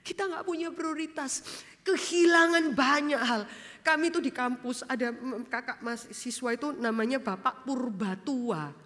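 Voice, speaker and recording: Woman pastor, fairly high voice, lively sermon delivery, reverberant church hall. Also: moderate pace. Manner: animated storytelling, acts out quoted dialogue; swings between loud emphasis and soft low asides. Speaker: vicar preaching.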